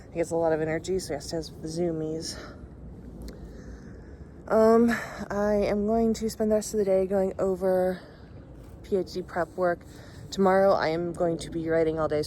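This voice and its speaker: A young woman talks to camera in a relaxed vlog, thinking out loud. Her voice sits a little low and is chatty and reflective. A faint hum of background noise runs under the recording. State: hiccups. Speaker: vlogger. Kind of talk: casual vlog talk to camera.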